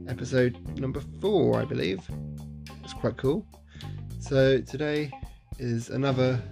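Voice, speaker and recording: A man's voice: mid-range voice, creaky. A man hosting a casual solo podcast in a groggy morning voice, chatty and self-deprecating, laughing at himself. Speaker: podcast host.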